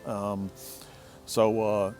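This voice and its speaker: A man's voice: fairly low pitch, little pitch movement, very slow, darkish tone, soft background music. A middle-aged man telling a casual, rambling story from his shed workshop, often restarting and repeating words. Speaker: motorcycle owner telling a story.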